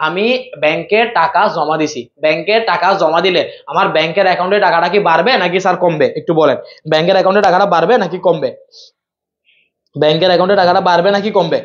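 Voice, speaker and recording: Rapid-fire high-voiced male teacher. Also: steady tone, lo-fi sound. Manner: rapid-fire, repeats himself and quizzes students. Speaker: accounting teacher. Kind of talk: live online class.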